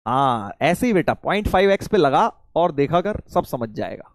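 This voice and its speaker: A man teaching maths in a live online class. He teases his students in a playful way and slows right down to spell out each step. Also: on the high side, sing-song, dry recording, clean studio sound. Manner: playful, teasing, calls students "beta".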